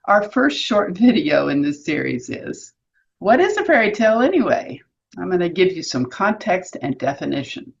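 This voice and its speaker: A woman with a lowish, creaky voice and big pitch swings explains a topic at a moderate pace, articulate and instructive with a lightly wry flavor. She's the presenter of an educational video series as well as an author and workshop leader, and the explainer is semi-scripted. The recording is lo-fi with slight background noise.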